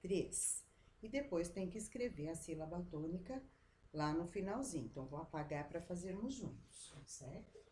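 A Brazilian woman schoolteacher going over exercises with young children in a slow, drawn-out, sing-song teaching voice. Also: on the low side, animated, warm tone. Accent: Brazilian Portuguese. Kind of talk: remote class lesson for young children. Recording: echoey room with faint background noise.

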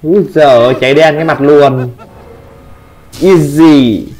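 A Vietnamese-accented man commenting on his own gameplay, taunting opponents and breaking into excited shouts. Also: on the high side, quick pace. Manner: trash-talking, taunting, sudden excited shouts. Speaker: gameplay streamer.

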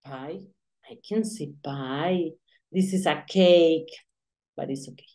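Woman, English teacher, slow, mellow, chatty explanations. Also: low voice. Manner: repeats words, explains pronunciation conversationally. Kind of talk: casual online English lesson.

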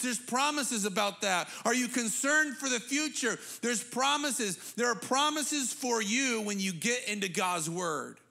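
A man in his thirties, a pastor preaching a sermon on a church stage into a handheld mic, animated and conversational. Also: sits high, creaky. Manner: animated, gesturing while preaching; conversational, repeats words when restarting. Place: church stage with big screen.

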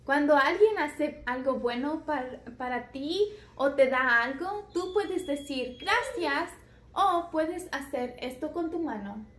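A woman teaching small children with puppets, speaking clearly and encouragingly. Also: high voice, animated, takes it slowly, a bit bright, roomy sound. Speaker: preschool teacher.

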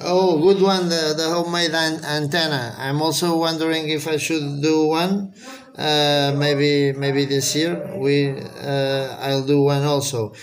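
A crowd can be heard behind this amateur radio operator, a Portuguese-accented man using English as his second language to make a contact and spell things out phonetically. His voice is a little high, level in tone and a little slow.

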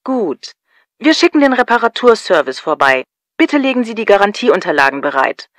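A woman's voice: mid-range voice, sing-song, normal speed, no echo, close to an everyday voice. A woman playing a polite, businesslike customer service agent at an electronics store in a scripted dialogue. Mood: polite, helpful.

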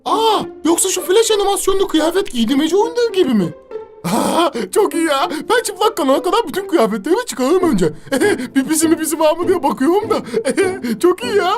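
A woman's voice: very high voice, sing-song, fairly quick, over music. Woman voicing a whiny cheeky cartoon boy.

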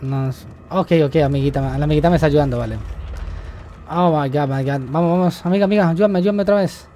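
A young man giving let's-play commentary while he plays, excitable, repeating words in quick bursts and yelping when startled. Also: fairly high pitch, slight background noise. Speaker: gamer.

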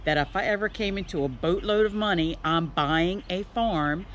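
This older American woman vlogs from her fenced backyard garden, speaking to a handheld camera at arm's length with a fairly low pitch and moderate pace. She's casual, playful and self-deprecating, while noticeable outdoor noise fills the recording.

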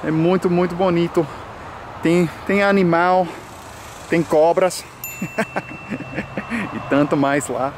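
Talking at a slow pace with frequent pauses, this young American vlogger and English teacher speaks in a somewhat high voice. He's a native English speaker, relaxed and heavy on fillers, chatting to the camera in a sunny park for a casual outdoor vlog. Traffic noise comes through the arm's-length camera mic.

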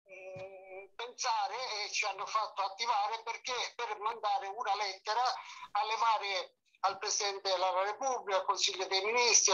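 A man calling in on speakerphone, giving a measured spoken report to a meeting and pausing over his figures. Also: sits high, bright, forceful tone. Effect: on speakerphone over a phone line. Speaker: caller to a meeting.

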